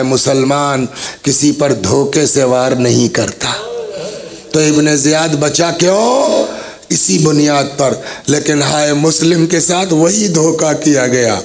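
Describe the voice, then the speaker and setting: Gravelly male preacher recounting a martyrdom. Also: medium pitch. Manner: acts out voices in the story, rises into chant. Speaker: religious scholar giving a majlis. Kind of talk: mourning sermon, dramatic storytelling. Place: mourning gathering hall.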